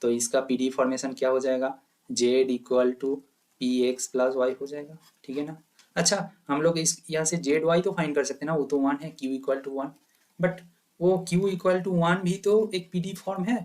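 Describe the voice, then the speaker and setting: This man's fairly high voice stays steady and slightly dark as he works at a measured pace through a maths lecture for exam candidates. He asks himself questions, then answers them, slipping in English terminology.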